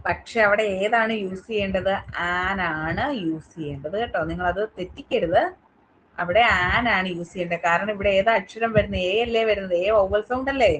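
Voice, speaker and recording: A woman's voice: mid-range voice, moderate pace, slight background noise, poor audio. A woman teaching an online English class with a Malayali accent, asking her students question after question to check they follow. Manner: asks the class many quiz questions, checking understanding.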